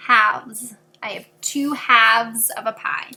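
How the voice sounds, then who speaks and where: Bright, high-voiced teacher explaining a lesson. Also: female voice, steady tone, slow pace. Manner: patient, explains step by step with examples. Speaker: fourth grade teacher. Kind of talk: recorded video lesson.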